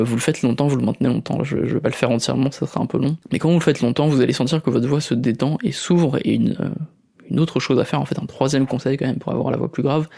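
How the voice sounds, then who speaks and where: Gravelly, mellow-voiced French man explaining. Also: medium pitch. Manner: explanatory, demonstrates vocal techniques, frequent fillers and restarts. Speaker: podcast host. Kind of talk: casual voice coaching talk.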